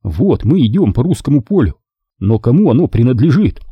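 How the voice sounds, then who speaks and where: Husky male audiobook narrator. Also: sing-song, fairly quick, dry recording, muffled recording. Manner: voices the soldiers in a raised pitch.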